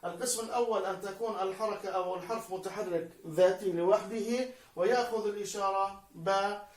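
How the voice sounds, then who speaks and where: A man's voice: high voice, fairly even intonation, brisk. A male teacher, patiently giving a video lesson and spelling out syllables one by one for the student. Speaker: Arabic teacher. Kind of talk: video lesson on Arabic prosody. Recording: echoey room, mic far away.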